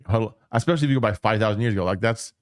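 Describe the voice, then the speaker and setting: Guy rambling fast in a podcast chat, cussing a lot, dry close sound. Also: fairly low pitch, no echo. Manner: rambling, swearing, restarts a lot. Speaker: podcast co-host. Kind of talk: casual chat.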